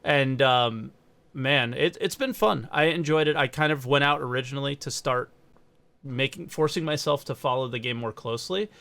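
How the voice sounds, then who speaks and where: Man, podcast host, casual chat, bright tense voice, rambling explanations. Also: mid-range voice, moderate pace, creaky. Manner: rambling, self-correcting, explains context.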